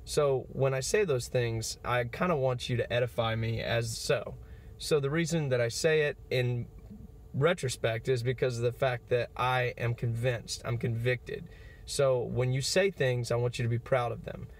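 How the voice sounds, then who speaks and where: A man's voice: mid-range voice, fairly even intonation, normal speed. Young man, twenties, motivational vlog, earnest and encouraging, casual fillers. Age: 20s. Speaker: motivational vlogger. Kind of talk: motivational talk to camera.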